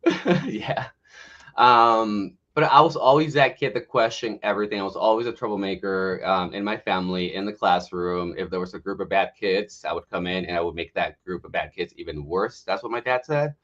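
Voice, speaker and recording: A Mexican health coach in his late thirties appears as a guest on a morning livestream, telling his life story frankly, mocking himself and laughing often. His low voice is brisk and fairly bright, captured in lo-fi sound.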